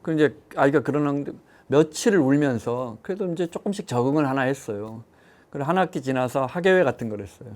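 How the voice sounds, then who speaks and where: A man's voice: medium pitch, quick pace. A middle-aged man chatting on a talk panel, telling personal stories and acting out quoted voices. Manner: storytelling, animated quoting of others. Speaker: economics show panelist. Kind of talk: casual chat.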